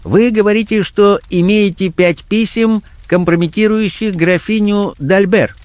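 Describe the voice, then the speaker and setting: A man's voice: sits high, measured pace, darkish tone, no echo, voice pushed up. A man voicing a smug, menacing middle-aged male blackmailer, talking down in a sneering, condescending way. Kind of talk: audiobook character voice.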